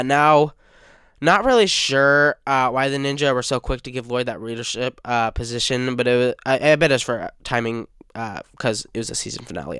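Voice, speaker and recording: Rambling young man, smooth dry voice. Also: medium pitch, a bit bright, dry recording. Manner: rambling, hesitant with frequent uh fillers. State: sick, stuttering. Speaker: fan channel host. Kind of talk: casual fan review talk.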